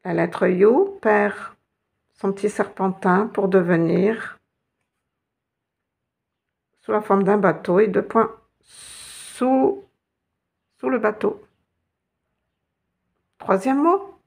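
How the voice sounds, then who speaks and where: Slow, gravelly-voiced woman teaching. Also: mid-range voice, darkish tone. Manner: patient, instructional, spelling out letters. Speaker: Arabic teacher. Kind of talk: step-by-step lesson narration.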